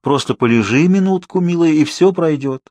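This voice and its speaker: Fussy older nurse aide lady as a male narrator puts her on, pitched up. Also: lively intonation, normal speed, darkish tone, no echo, lightly acted. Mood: fussing.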